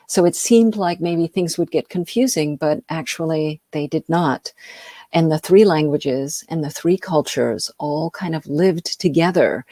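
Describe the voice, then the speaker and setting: A woman's voice: low-pitched, mellow, dry recording, clean studio sound. A middle-aged woman from the United States, giving an informal talk as an invited speaker, hesitant with many ums and uhs. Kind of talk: informal lecture over a video call.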